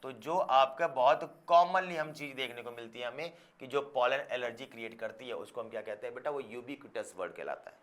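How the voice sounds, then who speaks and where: A biology teacher with an ordinary middle-pitched, fairly bright voice gives a classroom lecture in an easy, explanatory style, speaking fairly quickly with few pauses. He keeps checking that students follow and slips English scientific terms into his talk.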